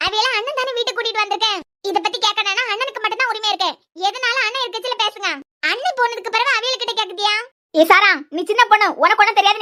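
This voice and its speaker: A woman's voice: very high voice, pushed and bright. Woman voicing a firm young cartoon woman. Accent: Kanyakumari Tamil. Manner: firm, defensive arguing. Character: young woman defending her family, firm. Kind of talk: cartoon serial voice acting.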